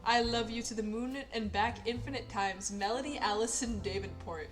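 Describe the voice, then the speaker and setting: A woman's voice: on the high side, normal speed, soft background music, close to an everyday voice. A woman voicing an affectionate young boyfriend in a plain, casual tone. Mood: tender. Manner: tender, casual.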